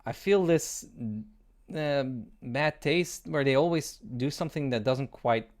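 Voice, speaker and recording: A man's voice: fairly high pitch, measured pace. A man in casual podcast conversation, hesitant and restarting his sentences often. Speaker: podcast co-host.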